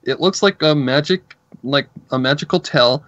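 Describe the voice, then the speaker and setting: Reviewing a cartoon episode as co-host, this man talks casually and spends a long time on plot details. His voice is a little high and a bit bright at a moderate pace, captured on a dull lo-fi recording without echo.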